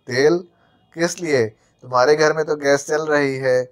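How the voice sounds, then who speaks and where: A male narrator voicing a jittery, sharp-tongued male servant who stammers when frightened. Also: mid-range voice, steady tone, close to an everyday voice. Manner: stammering, quick-tongued sarcasm.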